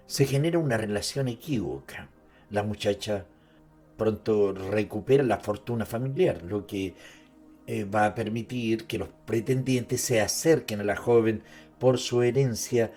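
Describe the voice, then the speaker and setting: A man with a fairly low voice narrates an author's life and works very slowly, softly backed by music. He speaks directly to the listener, blending dramatized storytelling with conversational asides.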